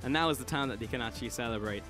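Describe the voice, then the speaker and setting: A man doing live play-by-play commentary of an esports match, with an excitable manner. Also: mid-range voice, rapid-fire, music in the background.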